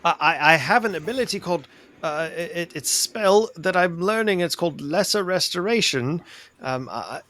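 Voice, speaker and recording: A man's voice: on the high side, animated, moderate pace, bright, forceful tone. A man playing an anxious, caring fantasy adventurer with a hesitant, stammering delivery. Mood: hesitant, helpful.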